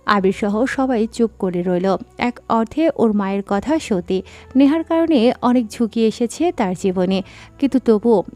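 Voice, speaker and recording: A woman narrating a scripted audio story in a steady, dramatic reading style. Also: a little high, unhurried, soft background music.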